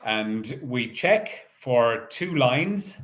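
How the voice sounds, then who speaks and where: A man with an Irish accent hosting as a bingo caller, announcing in a measured, formulaic way. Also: mid-range voice, animated, fairly bright tone. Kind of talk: bingo calling, numbers digit by digit.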